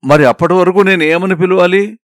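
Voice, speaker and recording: A man voicing a young woman in love in a storybook reading, speaking high and fretful. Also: fairly even intonation, moderate pace, dry recording, studio quality, lightly acted. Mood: eager.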